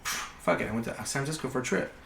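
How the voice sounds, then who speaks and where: A young man spins a long, rambling story, swearing freely and stacking fillers as he goes. His voice is mid-pitched and sits in an echoey room, with a faint hiss of noise underneath. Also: quick pace, vocal fry. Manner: rambling, profane, animated. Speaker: podcast guest. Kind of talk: casual storytelling.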